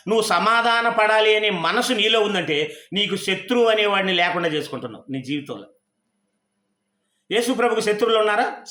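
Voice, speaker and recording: Man, pastor, sermon, high voice, rhetorical questions, echoey hall. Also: bright, forceful tone. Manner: constant rhetorical questions to the congregation.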